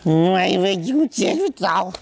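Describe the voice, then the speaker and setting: A man's voice: high-pitched, sing-song, moderate pace, vocal fry, a little hiss or hum, exaggerated voice. An actor playing a drunk, belligerent husband locked out of his house, slurring and mumbling. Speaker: comic skit actor. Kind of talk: amateur comedy skit acting.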